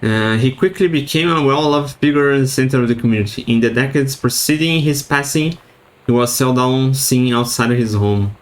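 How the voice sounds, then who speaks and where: A man's voice: mid-range voice, normal speed, poor audio. A man streaming a video game, chatting casually and reading in-game notes aloud, stumbling over words. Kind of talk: casual let's-play commentary.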